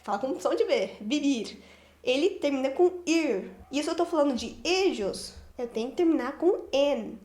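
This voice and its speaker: Brazilian lady teacher, high voice, walks thru verb endings slow n patient, repeats stuff. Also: animated, a little mellow, roomy sound. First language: Portuguese. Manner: patient, repeats each form and ending slowly. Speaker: Spanish teacher. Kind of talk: explaining grammar to learners.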